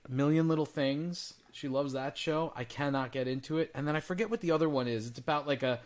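A man's voice: fairly high pitch, fast talker. A man of about forty co-hosting a podcast, rambling in casual chat with many fillers. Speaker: podcast co-host.

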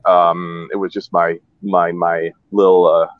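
Flat and unhurried, this Swiss man in his thirties talks in a low voice as a cigar-making guest on a radio show, easygoing and frank, stumbling through fillers and restarts. The relaxed studio interview has no echo but sounds like a phone line.

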